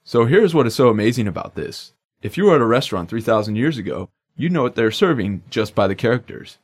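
A man's voice: mid-range voice, very animated, fast, slightly rough. A man co-hosting a language lesson podcast in upbeat, jokey scripted banter.

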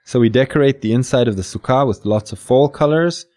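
A man's voice: medium pitch, a little fast, a little mellow. A man co-hosting a scripted podcast, explaining traditions with a light, joking manner. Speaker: podcast co-host. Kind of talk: scripted educational podcast dialogue.

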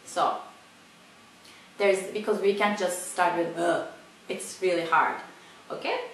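A woman with a Turkish accent, a native Turkish speaker, teaching pronunciation slowly, repeating each word with many fillers. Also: fairly low pitch, a little hiss or hum. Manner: slow, repeats words, frequent fillers. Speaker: language teacher. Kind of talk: casual pronunciation lesson. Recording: echoey room.

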